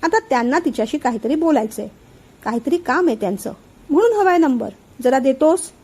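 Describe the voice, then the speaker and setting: A woman's voice: sits high, lively intonation, a little fast, darkish tone. A woman voicing a flustered middle-aged uncle who dodges questions nervously. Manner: nervous, evasive.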